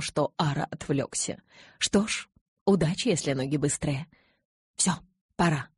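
A woman reading an audiobook as a first-person narrator, in an even, low-key manner. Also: breathy edge, dry recording, clean studio sound.

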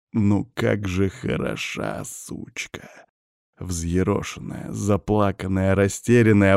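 A man narrating a first-person audiobook in an even, gruff storytelling voice. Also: on the low side, no room sound, studio quality.

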